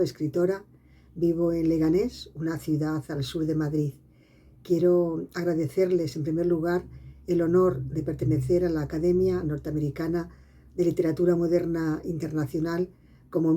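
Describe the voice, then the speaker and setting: A woman from central Spain with that region's accent, giving a measured, prepared self-introduction as a guest writer, with soft hesitations. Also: low-pitched, husky. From Spain (Castilla-La Mancha). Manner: measured, reading with soft 'eh' fillers.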